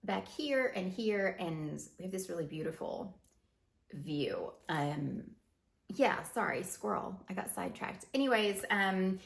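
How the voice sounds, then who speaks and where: Woman host, loose chatty talk, slightly gravelly, roomy office sound. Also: medium pitch, lively intonation, a little slow. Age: adult with teenage daughter. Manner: rambling, chatty, laughs often. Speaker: podcast host. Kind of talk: unscripted casual monologue. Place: home office with windows.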